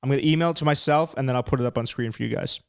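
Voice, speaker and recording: A man's voice: medium pitch, rapid-fire, creaky, clear, resonant tone. A man hosting a live stream, chatting casually and rambling as he breaks down fights. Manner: chatty, rambling, self-deprecating.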